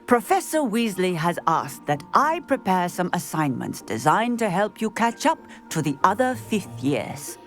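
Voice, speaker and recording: Measured, lower-voiced witch professor. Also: sing-song. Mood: dry, instructive. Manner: measured, dry, authoritative. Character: brisk, world-weary female professor of magical beasts. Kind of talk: video game voice acting. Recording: music behind the voice.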